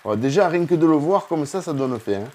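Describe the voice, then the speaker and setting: A man's voice: a little high, expressive, fairly quick, a little mellow. A man hosting a casual home cooking vlog, talking chattily straight to the viewer. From southern France. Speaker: cooking video host. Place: home kitchen.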